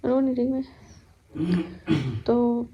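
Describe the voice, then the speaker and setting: A woman's voice: a little high, completely flat delivery, slow, phone-quality sound. A young woman chatting to her viewers at home in a casual vlog, telling stories about her day. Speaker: vlogger. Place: at home, kitchen.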